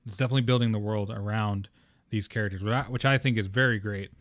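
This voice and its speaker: A man's voice: fairly low pitch, steady tone, fast, a bit bright, dry recording, clean studio sound. A man hosting a podcast, talking casually and passionately in a rambling way. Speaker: podcast host.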